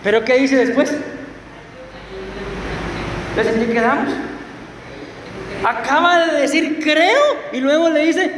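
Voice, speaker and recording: A man's voice: extremely high pitch, unhurried, pauses often, a bit bright, slight background noise. A man preaching a sermon as pastor, questioning his congregation and acting out quotes. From Costa Rica. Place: church hall. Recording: echoey church hall, distant mic.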